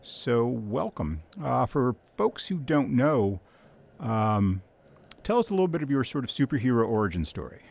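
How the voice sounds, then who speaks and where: A man hosting an interview podcast, talking in a relaxed conversational way with frequent filler pauses. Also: medium pitch, gravelly. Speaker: podcast host.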